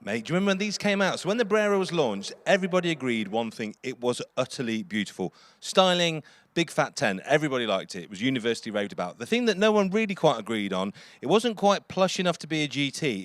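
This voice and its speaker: A man's voice: mid-range voice, big pitch swings, fast talker, no echo. A man giving chatty, emphatic and enthusiastic commentary as a car expert. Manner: chatty, emphatic sales talk.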